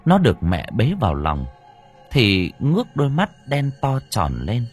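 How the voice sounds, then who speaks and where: A man narrating a story slowly and dramatically, letting his voice swell at tense moments. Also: mid-range voice, huge pitch swings, breathy edge. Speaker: audiobook narrator. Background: faint background music.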